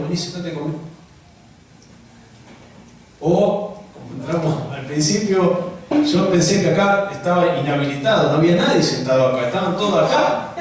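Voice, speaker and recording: A man with a Rioplatense Spanish accent, preaching a conversational sermon to church leaders and asking the room many rhetorical questions. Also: fairly high pitch. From Argentina. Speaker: pastor. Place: church hall. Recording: very echoey hall from far off, faint noise.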